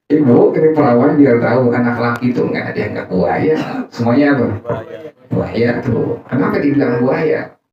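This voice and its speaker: Male Islamic teacher, teasing and playful, heard from afar in a boomy room on a dull mic. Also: moderate pace, very echoey, far from the mic. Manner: joking, quizzes the audience with questions. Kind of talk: informal religious study talk. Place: gathering room with an audience.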